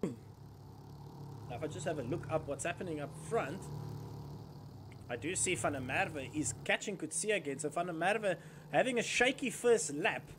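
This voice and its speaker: High-pitched male motorsport commentator over engine noise. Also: lively intonation, unhurried, pauses often. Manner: motorsport commentator delivery, following the action as it unfolds. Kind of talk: live sim kart race commentary.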